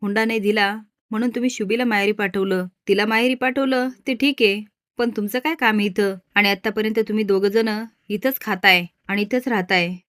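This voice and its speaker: A woman voicing a stern elderly man, the head of a household, who scolds firmly and loudly. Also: mid-range voice, fairly even intonation, fairly quick, no room sound, studio quality, close to an everyday voice. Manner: firm, scolding, loud.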